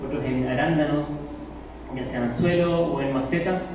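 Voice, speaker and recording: A man's voice: on the high side, normal speed, background noise. A man from Chile giving a live talk to an audience, often repeating and restarting words. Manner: many self-repetitions and restarts. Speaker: conference speaker on water efficiency. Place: event hall. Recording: echoey hall from a distance, dull sound.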